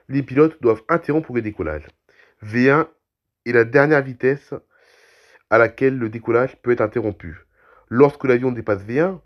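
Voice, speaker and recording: Suffering from a cold, a man coughs and clears his throat as he reads out aviation news with commentary, sometimes restarting his phrases. He speaks at a mid-range pitch and a steady pace, in a recording that's a bit dull.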